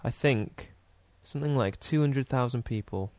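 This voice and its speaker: A man's voice: medium pitch, moderate pace, a little mellow, dry recording. A man co-hosting a casual podcast, dry and blunt in his replies. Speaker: podcast co-host. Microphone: headset.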